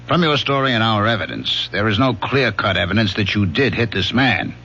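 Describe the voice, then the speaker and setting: A brusque police lieutenant with a forceful, mid-pitched man's voice that swings widely. He is world-weary and sarcastic, in radio drama style. The sound is a muffled old broadcast with clear noise. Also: lively intonation, a little fast. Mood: businesslike.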